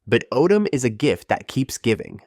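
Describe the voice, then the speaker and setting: A man's voice: mid-range voice, very animated, moderate pace, a little mellow, no room sound, studio quality. A man reading scripted narration over police footage in a wry, mocking tone.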